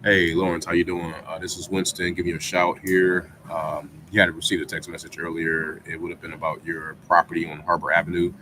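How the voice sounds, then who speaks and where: A man with a very low voice leaves a voicemail, running through a friendly, practiced sales pitch with the odd "um" along the way. A steady noise sits under the recording. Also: a little fast, hardly any pauses. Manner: friendly, scripted phone pitch with fillers. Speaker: real estate investor calling property owners. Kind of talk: leaving a voicemail.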